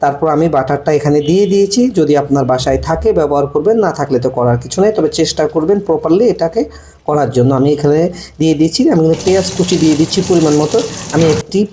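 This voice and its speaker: A man giving slow, repetitive step-by-step cooking instructions for a recipe. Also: a little high, dark tone, slight background noise. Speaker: cooking channel host. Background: frying and sizzling from the pan.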